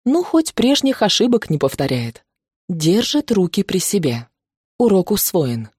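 Expressive woman narrating a novel. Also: medium pitch, unhurried, slightly rough, dry recording, studio quality. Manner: expressive, lively storytelling.

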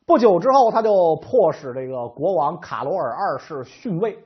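A man's voice: a little high, big pitch swings, normal speed, husky. A man telling history in a colloquial, joking storyteller style. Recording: slightly dull lo-fi recording.

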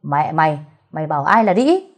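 A woman's voice: low-pitched, a little fast, darkish tone. Woman voicing a cold hot-tempered man. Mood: furious. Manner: curt and cold, barking when angry.

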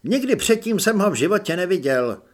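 A man's voice: high voice, big pitch swings, pitched above the performer's own voice. A man voicing a pompous young male vampire recruit in an audiobook, speaking with smug superiority.

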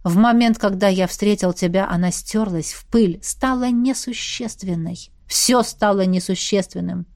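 A woman voicing a brooding male warrior who speaks softly and intimately, recorded dry and close. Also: mid-range voice, a little slow, hardly any pauses, no echo, lightly acted. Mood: tender. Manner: soft, hushed, intimate. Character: brooding male warrior lover, low and tender.

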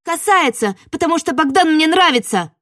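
A woman voicing a naive, flustered young sister in an audiobook, high and heated. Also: fairly quick, fairly bright tone, no echo, studio quality. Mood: shouting. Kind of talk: audiobook character voice.

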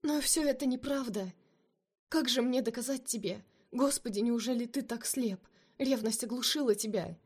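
A woman's voice: on the high side, fairly even intonation, normal speed, a little mellow, husky, voice pushed up. A woman voicing a desperate, pleading young woman. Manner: pleading, emotional, breaking into cries.

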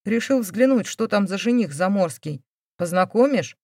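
A calm, self-assured young man, as a woman reads him, quiet and unflappable with a slightly lowered voice. The sound is dry and close. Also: moderate pace, no echo. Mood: unruffled.

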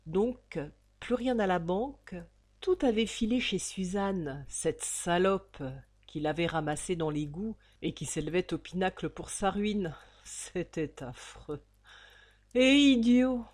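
A woman narrates an old novel aloud, slowly and theatrically. She leans into each dramatic phrase with measured weight. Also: on the low side. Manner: expressive, theatrical. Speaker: audiobook reader.

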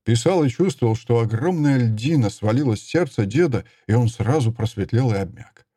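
A man tells the story in an audiobook reading, his pitch moving lively through each line. His tone is mellow and slightly husky. The recording is dry and close. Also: no echo. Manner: expressive, measured storytelling. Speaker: narrator. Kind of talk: audiobook narration.

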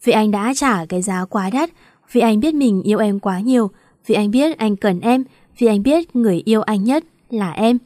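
A woman reading the lines of a grieving, remorseful young man who pleads softly. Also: medium pitch, animated, normal speed, no echo, clean studio sound, close to an everyday voice. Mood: tender.

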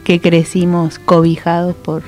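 A woman's voice: lowish voice, completely flat delivery, moderate pace, soft background music. A woman in her forties, born in Chile and raised in Cuba, a guest singer chatting on a radio interview and laughing often. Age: 40s. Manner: laughs often, soft-spoken.

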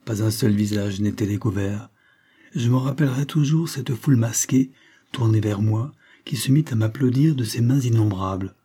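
Husky low-voiced male storyteller. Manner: measured, expressive first-person narration. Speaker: narrator. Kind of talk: audiobook reading of literary fiction.

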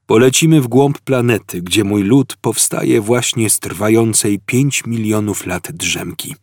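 A man voicing a gentle, melancholy old man who speaks softly and hesitantly. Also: fairly low pitch, a little slow, dry recording, studio quality. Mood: mild, wistful. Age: over 60. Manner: soft-spoken, hesitant, mournful.

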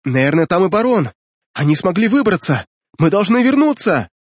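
A man's voice: high-pitched, sing-song, moderate pace, dry recording, clean studio sound, voice pushed up. A man voicing a haughty, spiteful female witch who snaps out her orders with scorn. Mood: shouting. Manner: snapping, scornful.

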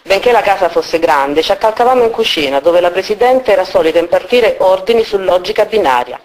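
A woman reading the opening of a novel aloud at a book presentation, with steady, expressive storytelling. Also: medium pitch, fairly quick, poor audio.

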